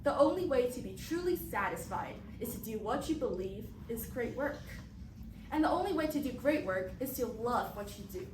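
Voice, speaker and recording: A woman's voice: fairly high pitch, animated, moderate pace. A woman delivering a rehearsed motivational speech at a contest. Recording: echoey room, distant mic, loud noise.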